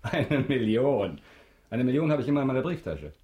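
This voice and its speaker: An actor playing a wealthy, imperious count with polished, mocking irony in a German radio drama. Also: male voice, medium pitch, sing-song, moderate pace, dull audio, close to an everyday voice. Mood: scornful. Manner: polished, ironic, haughty formal speech.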